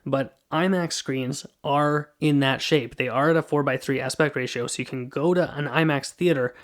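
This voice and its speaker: Male podcast host, casual rambling review, clean resonant voice, mid pitch. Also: normal speed. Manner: casual, rambling, self-correcting. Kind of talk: solo movie review podcast.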